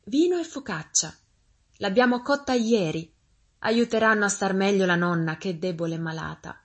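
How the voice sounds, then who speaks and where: A woman voicing a cheerful little girl in a fairy tale, speaking high and eager. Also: animated, normal speed. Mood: chirpy.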